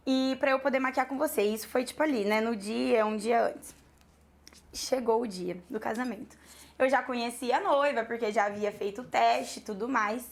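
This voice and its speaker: Brazilian makeup artist lady telling a story to her students, animated, acts out the dialogue, fairly high voice. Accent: Brazilian Portuguese. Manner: lively, animated retelling with quoted dialogue and laughs.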